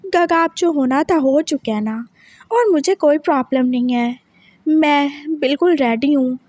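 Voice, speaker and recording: A self-effacing young man speaks in a subdued, hesitant way, as a woman voices him. The voice is high and the recording is dry and close. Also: a little slow, darkish tone, no room sound. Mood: reassuring.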